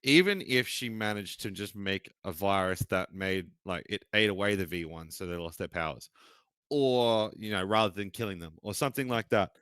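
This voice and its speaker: A man's voice: low voice, moderate pace, a bit bright, clean tone, dry recording. A man co-hosting a casual chat, blunt and swearing often, trailing off mid-sentence. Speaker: podcast co-host.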